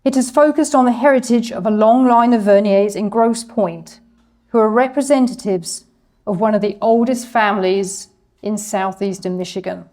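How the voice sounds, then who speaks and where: A woman's voice: mid-range voice, moderate pace, warm tone. A woman giving a scripted history presentation to an audience, reading steadily and stumbling a little over the French names. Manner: reads from a script, apologizes for her French pronunciation.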